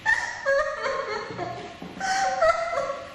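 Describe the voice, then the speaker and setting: A snobbish, gloating stepmother in a stage pantomime. The voice is shrill, very high and camp, drawn out with haughty relish. It carries from far off in a very echoey hall. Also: very animated, takes it slowly, fairly bright tone, a little hiss or hum, heavily acted. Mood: gloating, scornful. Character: wicked, snobbish, gloating pantomime stepmother, middle-aged woman. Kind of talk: theatrical stage pantomime acting.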